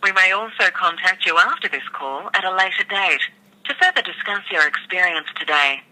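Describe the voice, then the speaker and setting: A recorded phone menu message from a helpline, read out in a measured, formal announcing manner. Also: mid-range voice, animated, sharp tone, rough recording.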